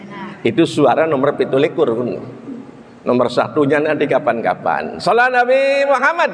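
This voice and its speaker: A middle-aged man preaching a lively sermon to women in with a lilt, acting out husband and wife voices and quizzing the crowd. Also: fairly high pitch, moderate pace, in a large hall. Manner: animated, acts out husband and wife voices, sings snippets, asks the crowd. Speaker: Islamic preacher.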